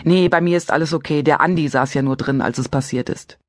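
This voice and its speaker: A woman's voice: deep voice, a little fast, dry recording, studio quality, lightly acted. A woman reading an audiobook, voicing an overdramatic young woman friend calling about a mishap. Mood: dramatic. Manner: breathless, overdramatic. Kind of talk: audiobook character voice.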